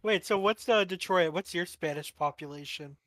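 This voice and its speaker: A man's voice: sits high, normal speed, a bit bright, no echo. A man from Canada co-hosting a live reaction stream, blunt and playful in casual banter. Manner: blunt, playful, laughs along. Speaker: co-host.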